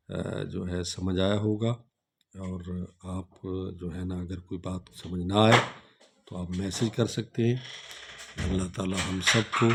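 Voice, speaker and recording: A man with a Pakistani Urdu accent teaching Quran recitation with tajweed, repeating each word slowly and patiently explaining how to pronounce it. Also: deep voice, slight background noise.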